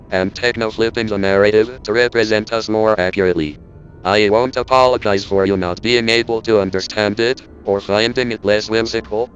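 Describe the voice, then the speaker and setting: A man doing a deadpan, indignant robot spokesman. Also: on the low side, muffled recording, natural voice. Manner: stiff, deadpan lecture. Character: indignant male robot spokesman, cold and logical. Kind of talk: scripted parody monologue.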